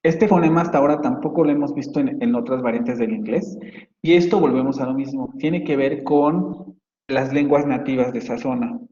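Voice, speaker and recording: Here the professor's voice is medium in pitch and dark in tone, at an ordinary speed. He explains phonetics through examples in an informal university lecture, thinking out loud with many fillers and false starts. Sound quality is reverberant, roomy, dull and lo-fi.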